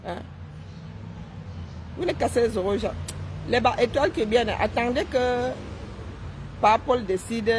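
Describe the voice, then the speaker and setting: A woman's voice: mid-range voice, darkish tone, slight background noise. Sarcastic woman live-streaming. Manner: sarcastic, mocking, keeps asking "hein?". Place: seated indoors.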